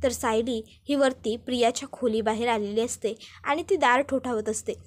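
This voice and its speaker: Woman narrator, serial episode recap, high voice, steady storytelling. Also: moderate pace. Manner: steady retelling with linking phrases.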